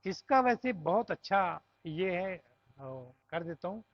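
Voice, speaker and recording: A man's voice: high voice, expressive, no room sound, muffled recording. A man with a Pakistani Urdu accent teaching Arabic grammar, explaining step by step and checking with the class. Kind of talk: classroom lesson.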